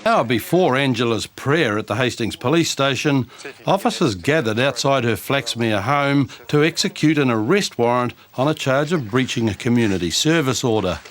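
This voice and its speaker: A man's voice: medium pitch, lively intonation, normal speed. A man with a New Zealand accent reading scripted documentary narration.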